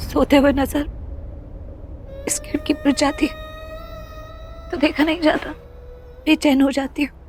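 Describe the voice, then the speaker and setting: A restless, heartbroken young wife. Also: female voice, sits high, very animated, measured pace, pauses often, a little mellow, faint music behind, heavily acted. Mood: restless sorrow. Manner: pleading, emotional confiding. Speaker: lead heroine in a TV serial.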